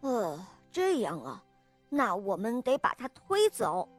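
A woman's voice: on the high side, huge pitch swings, takes it slowly, soft background music, full character voice. A woman voicing an eager, chattering monkey in a children's story. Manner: chatty, puffing with effort. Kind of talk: storybook reading.

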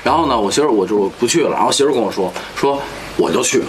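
Fast Beijing-accented man, lively and slangy. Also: medium pitch, a little hiss or hum, low-quality recording. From Beijing, China. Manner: colloquial, slangy, repeats agreements. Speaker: host of a group talk show. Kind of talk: casual chat among friends.

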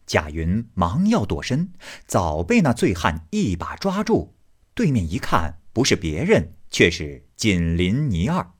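A man narrating a classic novel as an audiobook in an expressive storytelling manner, with a husky voice. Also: deep voice, measured pace.

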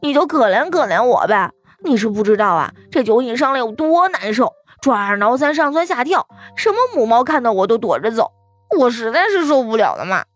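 A woman's voice: on the high side, big pitch swings, brisk, faint music behind. A woman voicing a pleading, fawning male talking cat who craves beer, in an audiobook. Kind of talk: audiobook role-play.

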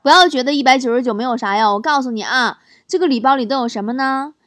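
A woman's voice: sits high, fast, fairly bright tone, no echo. Playful woman host reading jokes. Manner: playful, teasing, laughs between stories. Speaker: radio-style host reading listener messages. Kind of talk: casual chat, reading jokes aloud. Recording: noisy recording.

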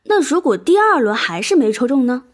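Woman voicing a chirpy TV co-host, fairly high voice, audio drama. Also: sing-song, a little fast. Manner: chirpy, asks prompting questions. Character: eager female TV co-host.

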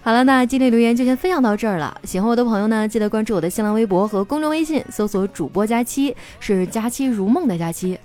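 A woman's voice: on the high side, quick pace, few pauses, a little mellow, soft background music. Playful woman host. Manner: playful, laughs through her lines. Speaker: radio-style host reading listener jokes. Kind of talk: casual joke-reading show.

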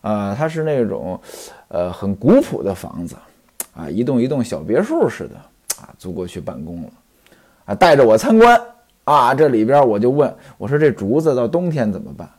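A man's voice: medium pitch, very animated, normal speed, darkish tone. A man telling and explaining a classic story, chatting directly to his listeners. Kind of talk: storytelling commentary on a classic novel.

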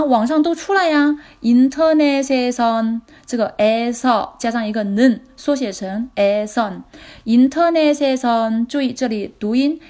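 A woman language teacher leads a lesson built around drama lines. She talks quickly in a somewhat high voice. She repeats each phrase before explaining it. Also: a little mellow. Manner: repeats phrases slowly, then explains them.

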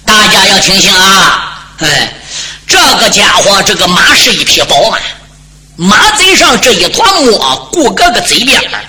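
A man performing traditional storytelling, dramatic and animated, speaking directly to his listeners. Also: high voice, a little slow.

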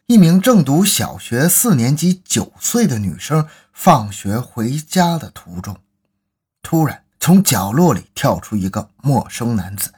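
Husky man narrating grave crime stories. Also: medium pitch. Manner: measured, grave storytelling. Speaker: storytelling podcast host. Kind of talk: true-crime story narration.

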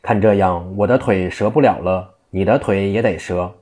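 A man's voice: sits low, normal speed, darkish tone. A man voicing a scruffy, eccentric old monk who teases and mocks in cheeky banter. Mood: mocking.

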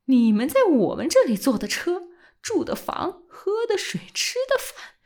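A woman voicing an old male scholar with a husky voice, speaking low and hushed, almost whispering, then rising into fierce passion. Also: animated, a little slow. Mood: impassioned.

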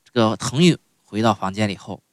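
A man's voice: lowish voice, animated, brisk, no echo, studio quality. A man telling a comic folk story in a chatty way, often asking the listeners "right?" and tossing in interjections. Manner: chatty, lots of "哎" and "对吧" asides.

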